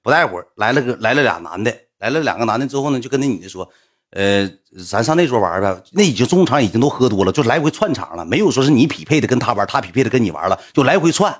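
Husky fast-talking young man telling a story. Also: mid-range voice, very animated. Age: 20s. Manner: chatty, colloquial, recounts with acted-out quotes. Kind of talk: casual spoken storytelling.

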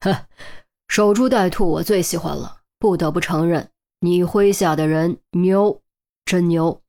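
A woman's voice: fairly low pitch, unhurried. Woman voicing a shrewd male section chief. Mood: teasing. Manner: sharp scolding, then teasing banter. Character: stern male section chief, scheming and wry.

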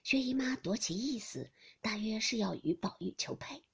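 A woman narrates a classic novel with an expressive, husky, breathy voice, often sinking to a near whisper. Her fairly high pitch rises and falls freely from line to line. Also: moderate pace. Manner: expressive, shifts between hushed and lively. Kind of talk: storybook reading of a classic novel.

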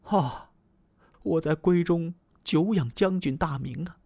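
A male storyteller voicing a young, beautiful woman who pleads tearfully in a raised, soft, weepy voice. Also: a little high, slow pace, creaky, no room sound, pitched above the performer's own voice, heavily acted. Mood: reproachful.

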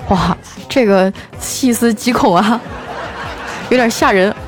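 A woman hosts a chatty show, reading out messages from listeners and adding her own teasing replies. Her voice sits at an ordinary middle pitch and stays light and playful. Faint background music plays behind her. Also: slow pace, some chatter behind. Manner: playful and teasing, often laughing. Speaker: radio-style podcast host.

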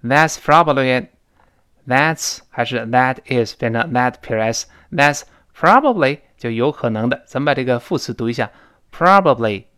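Male English teacher, mid-pitched voice, animated classroom delivery, drills pronunciation with drawn-out repeats. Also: clear, resonant tone. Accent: Mandarin Chinese. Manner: repeats words slowly, often drawn out, to demonstrate; lively, frequent pitch jumps for emphasis. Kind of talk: spoken English lesson explaining pronunciation.

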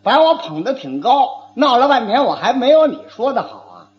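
A man doing a crosstalk comedy routine, firing off lively, indignant retorts. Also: very high-pitched, moderate pace. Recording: old roomy lo-fi recording.

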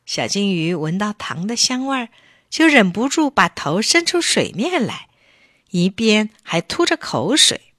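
Slow, bright woman telling a children's story. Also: medium pitch, very animated, no room sound, clean studio sound.

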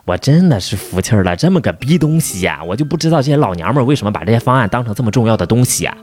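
A man's voice: mid-range voice, expressive, racing, darkish tone, slightly rough. A man telling a long, profane, angry story about his workplace. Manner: profane, heated, rising to outbursts. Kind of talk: casual angry rant.

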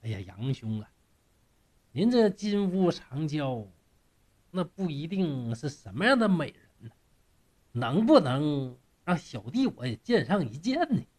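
A man's voice: a little high, big pitch swings, measured pace, darkish tone. A male storyteller voicing a pushy friend who teases and coaxes for a secret. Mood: coaxing. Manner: coaxing, teasing.

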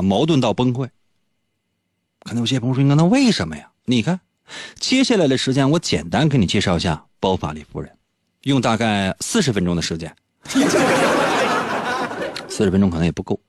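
A male radio host, telling a story on air in a playful, teasing way and often leaping into a high, excited pitch. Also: fast talker, a little hiss or hum. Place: radio studio.

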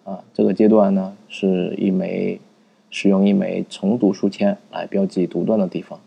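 A man talking through a book's reading method in a casual, unscripted way, pausing often with fillers and restarting his sentences. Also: sits low, level tone, vocal fry, husky, dull audio. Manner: thinking aloud with many fillers and restarts. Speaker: book review narrator. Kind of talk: casual spoken book summary.

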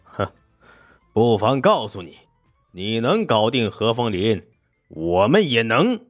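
A man's voice: mid-range voice, sing-song, normal speed, dry recording, clean studio sound, faint music behind, natural voice. A man doing a cocky, sneering business partner. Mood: scornful.

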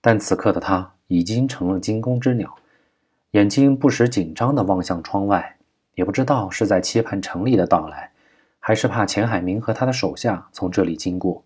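A man narrating a crime novel audiobook at a steady, measured pace. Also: fairly low pitch, breathy edge.

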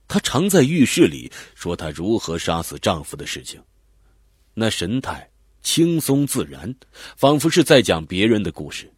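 Husky, expressive male audiobook narrator. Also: lowish voice, no echo. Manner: vivid, expressive storytelling. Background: faint background music.

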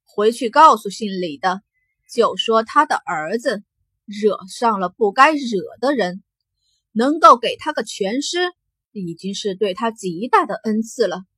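A woman's voice: a little high, expressive, unhurried, pushed and bright, breathy edge, no room sound, exaggerated voice. A woman voicing an arrogant, ruthless young male prince who speaks in a cold, commanding way in an audiobook. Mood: menacing.

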